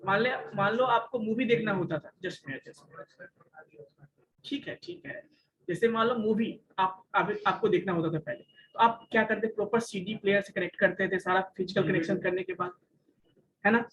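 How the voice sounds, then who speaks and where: A man's voice: high-pitched, normal speed, highs cut off, noisy background. A male college lecturer teaching an online class, mixing English terms into his talk, explaining with everyday examples and asking his students questions.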